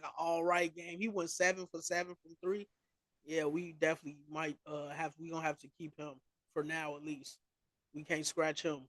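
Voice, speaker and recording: A man's voice: on the high side, dry recording. A man co-hosting a podcast, talking fantasy basketball picks in loose, slangy, trash-talking chat. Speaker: podcast co-host. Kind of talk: casual sports chat.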